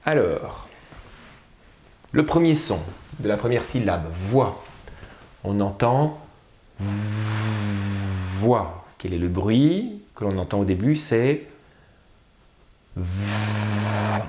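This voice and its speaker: A man with a lowish voice walks learners through a spelling lesson at a slow, deliberate pace. He stretches out words and sounds out each syllable one by one. The room around him is echoey. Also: very animated, mellow, a little hiss or hum. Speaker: teacher.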